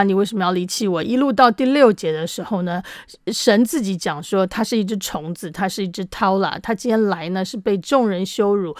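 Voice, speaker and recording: A woman leads a Bible study lesson in a chatty, explanatory manner, often tacking on small tag words. Her voice sits at a middle pitch. The recording is dry and close, with no room sound. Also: no echo. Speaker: Bible teacher.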